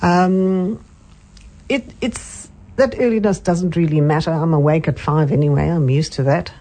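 Low-pitched and unhurried, an older woman with a South African accent reminisces as a guest in a relaxed interview chat. She punctuates the conversation with soft hums of agreement.

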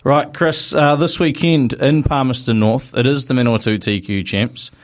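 A man's voice: medium pitch, steady tone, normal speed. A man with a broad Kiwi accent hosting a casual motorsport chat in a blokey, slangy, mildly sweary way. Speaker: motorsport show host.

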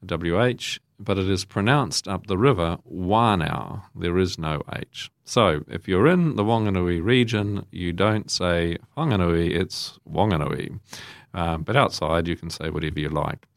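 New Zealand priest, low-pitched and chatty. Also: male voice, no room sound, studio quality. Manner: chatty and self-deprecating, then measured intoning prayer. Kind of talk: homily and prayers of the faithful.

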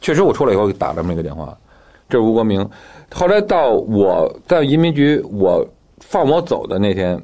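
Fast, animated male storyteller. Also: on the low side. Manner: lively storytelling, often acting out the dialogue. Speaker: interviewee telling his own story. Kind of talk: casual spoken storytelling. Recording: guitar music playing behind.

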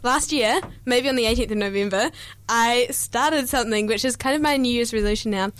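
A woman's voice: fairly high pitch, brisk, fairly bright tone. A young woman with a New Zealand accent, co-hosting a youth radio show in bubbly, giggly casual chat. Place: radio studio.

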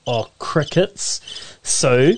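A man with a New Zealand accent co-hosts community radio in a playful, joking way. His voice sits in an ordinary middle pitch, and he rambles a little as he tells stories. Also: expressive, very slow, a little hiss or hum. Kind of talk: casual radio chat. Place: community centre studio.

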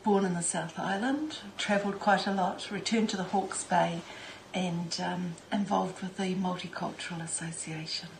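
A woman with a New Zealand accent introducing herself in a measured way with small pauses. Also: on the low side, vocal fry, far from the mic. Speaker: association member. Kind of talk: casual self-introduction. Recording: echoey room, faint noise.

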